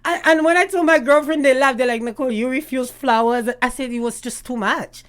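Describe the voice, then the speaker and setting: A woman's voice: high voice, fairly quick, fairly bright tone. A middle-aged woman from Canada, a guest in a casual chat who tells stories in a chatty way and laughs often. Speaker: guest, YouTube gossip host.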